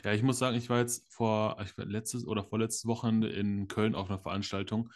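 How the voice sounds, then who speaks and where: Fast-talking man hosting a podcast. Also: fairly low pitch, flat delivery. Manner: quick, upbeat and chatty. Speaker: podcast host. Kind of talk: casual interview chat.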